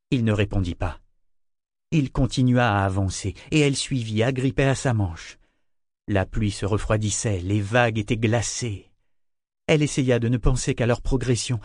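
A man narrating a fantasy audiobook in a measured, dramatic storytelling manner. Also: lowish voice, a little mellow, no echo, studio quality.

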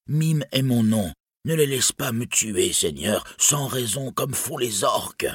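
A pleading old dwarf, fearful and poor, begging in a thin, raised, slow voice, as a man puts him on. The voice stays husky and dry, close to the mic, in a storybook reading. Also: medium pitch, lively intonation, no echo, voice pushed up. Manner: pleading, speaks of himself by name.

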